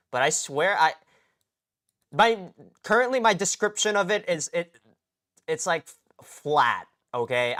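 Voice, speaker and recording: A man's voice: medium pitch, a bit bright, smooth. A man chatting on a late-night live stream, rambling in slang and often cutting himself off mid-sentence. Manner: rambling, slangy, self-interrupting.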